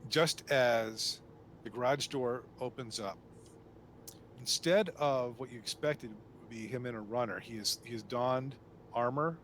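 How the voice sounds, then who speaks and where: A man's voice: mid-range voice, measured pace, a bit bright, a little hiss or hum. A man running a tabletop game as game master, narrating with frequent hesitations. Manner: hesitant, with frequent fillers and restarts.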